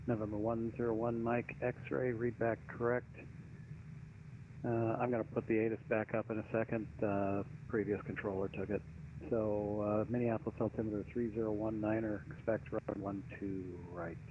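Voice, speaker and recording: Guy doing atc on the radio, flat monotone, muffled with static noise. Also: lowish voice, moderate pace. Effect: aviation radio. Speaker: air traffic controller. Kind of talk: procedural radio instructions. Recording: dull, noisy aviation radio.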